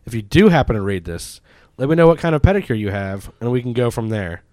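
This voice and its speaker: A man's voice: mid-range voice, lively intonation, fast, darkish tone, no room sound. A man co-hosting a comedy podcast, reading online posts aloud with wry jokes. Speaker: podcast co-host.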